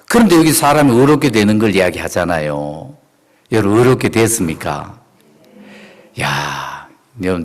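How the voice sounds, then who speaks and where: A middle-aged male pastor preaching a sermon, emphatic and animated, often asking the congregation questions and laughing. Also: low voice.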